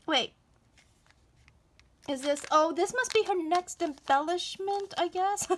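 A woman, hosting a casual crafting show-and-tell, gushing with excited exclamations over each item. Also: high voice, slight background noise. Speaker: crafting channel host.

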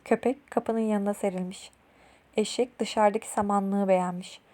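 A woman reading a children's bedtime story aloud in a gentle, expressive way. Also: mid-range voice, moderate pace.

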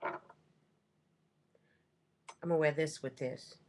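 Speaking slowly in a deep, darkish voice with fairly even intonation, a middle-aged woman vlogs a casual shopping haul from a small room at home. Her desk webcam picks up a little hiss or hum as she rambles and corrects herself.

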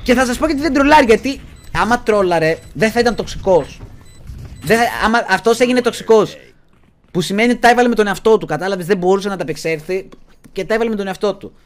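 A young man streaming a game live, ranting and swearing, shouting at teammates between rambling commentary. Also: high-pitched. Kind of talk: excited live gameplay commentary.

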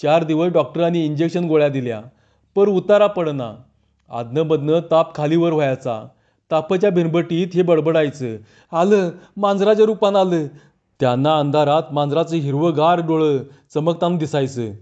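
A man's voice: fairly high pitch, normal speed, warm tone, lo-fi sound. A man reading a folk tale aloud as a storyteller.

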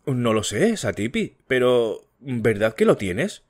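A man voicing an earnest young woman asking gentle, probing questions, in an audiobook. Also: medium pitch, sing-song, takes it slowly.

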